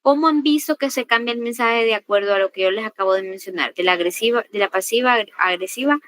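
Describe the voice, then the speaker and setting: A woman's voice: a little high, fast, fairly bright tone. A woman giving a class lecture, often checking whether the students follow and acting out quoted examples. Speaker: teacher. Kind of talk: class lecture on assertive communication.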